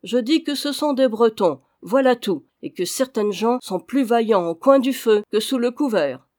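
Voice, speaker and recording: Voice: mid-range voice, lively intonation, moderate pace, darkish tone, pitched above the performer's own voice, natural voice. A reader voicing a dignified, stern old female housekeeper who smokes a pipe. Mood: authoritative. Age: over 60. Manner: dignified, authoritative.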